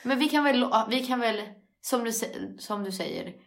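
A young woman talking openly with a friend, lively and quick to laugh. She mixes Swedish with English phrases and speaks candidly about her own feelings. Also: on the high side, gravelly. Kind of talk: casual chat.

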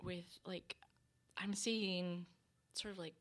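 A woman's voice: fairly low pitch, steady tone, takes it slowly. A woman co-hosting a casual chat, playful and joking, laughing often. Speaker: co-host.

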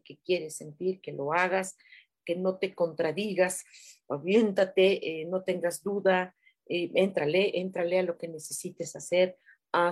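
Chatty Mexican woman reading live comments. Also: lowish voice. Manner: warm, chatty, many fillers, affectionate terms. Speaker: livestream host giving angel messages. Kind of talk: casual live-chat reading.

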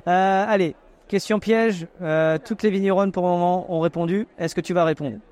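Jokey podcast host, fairly high voice. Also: male voice, fairly even intonation, normal speed, darkish tone. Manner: jokey, teasing, chatty. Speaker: podcast host interviewing guests. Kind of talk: casual vox-pop interview.

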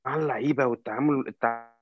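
Casting: Egyptian-accented man, quick but halting casual sports talker, dry, slightly muffled lo-fi sound. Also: mid-range voice, steady tone, no room sound. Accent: Egyptian Arabic. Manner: halting, repetitive, often searching for words. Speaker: football fan commentator. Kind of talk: casual football discussion.

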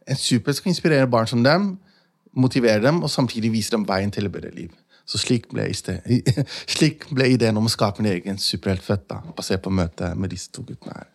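A man telling a personal story in an earnest way, lifting his voice for the quoted lines. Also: medium pitch. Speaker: guest, founder. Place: studio in a city.

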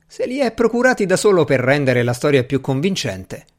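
A man voicing a confident, dismissive male magician in an audiobook, speaking in a brisk way. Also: fairly high pitch, very animated, voice pushed up.

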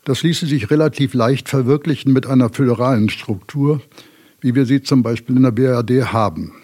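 A man, a former school official, giving a prepared account in a calm, matter-of-fact way. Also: medium pitch, brisk, slightly rough.

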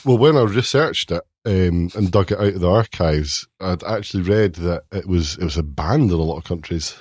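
A man co-hosts a casual podcast, delivering dry deadpan humour between hesitant ums. His voice is very deep and husky. The recording is dry, with no room sound. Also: normal speed, dry recording. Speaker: podcast co-host. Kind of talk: casual chat.

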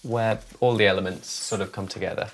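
A man's voice: on the low side, fairly even intonation, fairly quick, a little hiss or hum. A man hosting a casual session in a music studio, encouraging and easygoing. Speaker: host. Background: music playing.

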